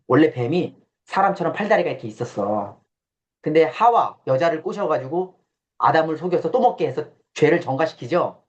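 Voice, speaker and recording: A man giving a casual classroom lecture, blunt and teasing, who quizzes his listeners and acts out coarse quoted voices. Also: fairly high pitch. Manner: blunt and teasing, questions the audience. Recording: dull lo-fi sound.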